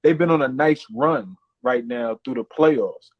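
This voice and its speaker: A man co-hosting a casual sports chat, explaining his point in a measured way. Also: mid-range voice, slight background noise. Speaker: co-host. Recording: dull dry audio.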